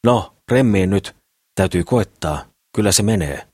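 A man's voice: lowish voice, a bit bright, dry recording, clean studio sound, voice pushed up. A male audiobook reader voicing a grumpy, irritable lame village man who barks and scolds. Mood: bossy shouting. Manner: gruff, barking orders.

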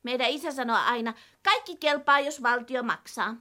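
A woman's voice: high voice, pushed and bright. An actress dubbing a cheerful, chatty female office worker in a sitcom, talking in a perky, matter-of-fact way. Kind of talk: dubbed sitcom acting.

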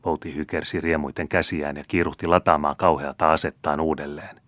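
A man reading an audiobook in measured, even storytelling narration. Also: extremely low pitch, dry recording. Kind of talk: scripted narration.

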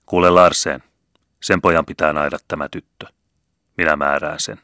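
A man reading the part of a boisterous older bishop, panting, with a voice that is still very deep. He speaks loud and commanding, and the sound is dry and close. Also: level tone, no echo, heavily acted. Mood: stern. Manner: hearty and loud, bossy. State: out of breath.

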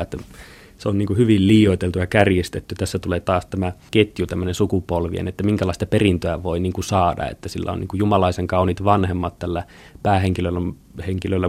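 Low, gravelly man talking hesitantly. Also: a little mellow. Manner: colloquial, hesitant, many fillers and restarts. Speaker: author. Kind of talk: casual interview talk.

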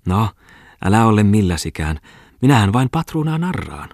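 A man's voice: fairly low pitch, sing-song, a little mellow, dry recording, clean studio sound, pitched above the performer's own voice. A man reading a novel aloud, voicing a sly, flirtatious former farm mistress with a teasing, coaxing manner. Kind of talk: audiobook character reading.

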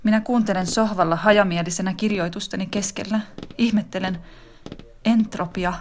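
A woman's voice: mid-range voice, a little hiss or hum, lightly acted. A woman voicing a wistful wife reading a letter to her husband in a radio drama monologue, intimate and reflective. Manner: intimate, reflective, growing more heightened and excited.

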